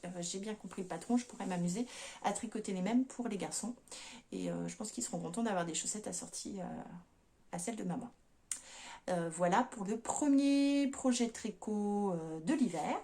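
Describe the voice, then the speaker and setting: A woman's voice: medium pitch, mellow. Chatty woman with many fillers. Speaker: knitting podcast host. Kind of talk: casual chat.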